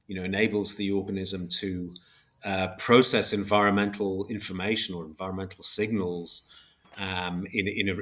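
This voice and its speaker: An academic interview guest with a fairly low, bright, forceful voice gives considered answers in a thoughtful discussion. He feels his way through ideas, frequently pausing to rephrase and qualify himself, hesitant and reflective as he explains.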